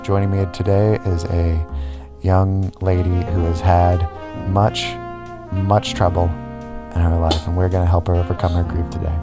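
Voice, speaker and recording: A man's voice: low-pitched, little pitch movement, moderate pace, loud music behind the voice. A man hosting a comedy podcast, improvising chat and mock interviews with a mock-sincere, hesitant delivery.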